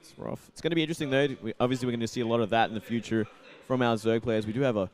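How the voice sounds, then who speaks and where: A man's voice: medium pitch, racing. A man casting a video game match, chatting casually with his co-caster and talking with plenty of fillers. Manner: chatty, excitable, frequent fillers. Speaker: esports caster. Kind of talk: casual esports commentary.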